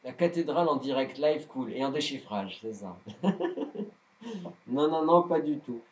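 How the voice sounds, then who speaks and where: A man's voice: mid-range voice, moderate pace, muffled recording, a little hiss or hum. A man with a non-native French accent teaching a live guitar lesson, hesitant and self-deprecating with many fillers. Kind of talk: live-streamed music lesson.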